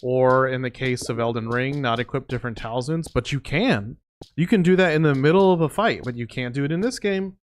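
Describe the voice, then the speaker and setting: A man livestreaming a game, giving casual commentary and musing out loud as he plays. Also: medium pitch, brisk. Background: music.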